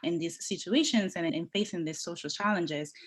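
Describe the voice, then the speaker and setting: Low-voiced woman from the Dominican Republic. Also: slightly rough. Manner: earnest, measured, builds points in lists. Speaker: guest, workforce development leader. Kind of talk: podcast interview, telling her career story.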